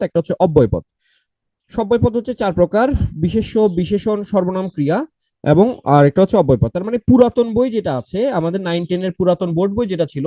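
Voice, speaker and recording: Man, lecturing grammar, high mellow voice, repeats and quizzes, dry close mic. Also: no echo. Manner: repeats points, quizzes the class with questions. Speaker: grammar teacher. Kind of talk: online exam-prep lecture.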